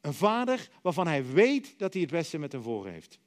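A middle-aged man preaching a sermon. He tells stories dramatically, acts out other voices, and lets many phrases sink to a soft, quiet finish. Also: fairly high pitch, big pitch swings, moderate pace. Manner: dramatic storytelling, acting out voices and dropping to soft, quiet endings.

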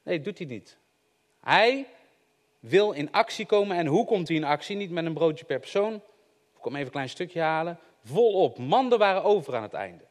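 Young man, casual sermon, talks straight to the room, light humor, slightly high voice. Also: lively intonation, moderate pace. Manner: conversational, joking asides, addresses the audience directly. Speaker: preacher. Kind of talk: informal sermon.

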